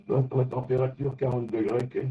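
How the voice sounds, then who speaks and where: Chatting casually about technical matters as a ham radio operator, a man speaks haltingly and keeps searching for words. His mid-range voice stays level, faint music plays behind him, and the radio contact audio is dull and lo-fi.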